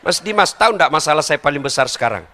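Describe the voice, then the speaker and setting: Man, middle-aged, joking sermon, bright forceful voice. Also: fairly high pitch, fast talker, long reverb tail, a little hiss or hum. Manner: lively, joking, addresses the audience directly. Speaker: preacher. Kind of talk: humorous sermon.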